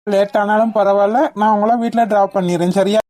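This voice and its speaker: A woman's voice: mid-range voice, steady tone, quick pace, mellow, dry recording, close to an everyday voice. A woman voicing a friendly, hesitant male doctor in a cartoon, evasive and polite. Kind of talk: cartoon voice acting.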